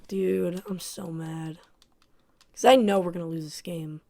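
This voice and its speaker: A woman's voice: lowish voice, steady tone, slow pace, creaky, dark tone. A woman giving play-by-play commentary on her own football video game, frustrated and self-critical. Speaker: gaming YouTuber.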